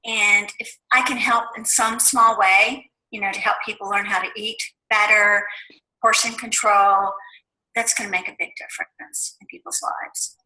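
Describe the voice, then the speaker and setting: A woman's voice: medium pitch, fairly even intonation, a little slow, pushed and bright, poor audio. An earnest woman in her fifties sharing a heartfelt testimonial about coaching. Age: 50s. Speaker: HR manager.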